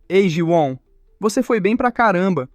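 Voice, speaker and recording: A man's voice: high voice, animated, moderate pace, no echo, studio quality, faint music behind. A man playing a cocky young male fighter who teases and taunts. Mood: mocking. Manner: teasing, taunting.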